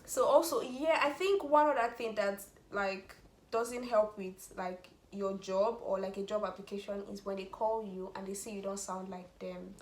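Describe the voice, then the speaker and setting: A young woman with a Nigerian accent, an international student and vlogger, chats casually and animatedly about student life, laughing often. Her voice is medium-pitched at a moderate pace, recorded in an echoey room with faint ambience.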